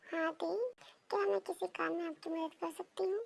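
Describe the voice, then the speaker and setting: A moody young wife who sulks in soft, quiet tones, as a woman reader puts her on. Her voice is very high with a gravelly edge, in a storybook reading. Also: little pitch movement, normal speed, exaggerated voice. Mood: sulky. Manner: soft, sulky.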